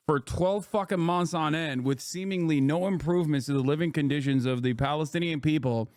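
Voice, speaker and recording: A streamer with a slightly high voice reacts to news on a live stream, ranting at his chat with profanity and emphasis. It's casual commentary, and the audio is clean and dry, like a studio with no echo.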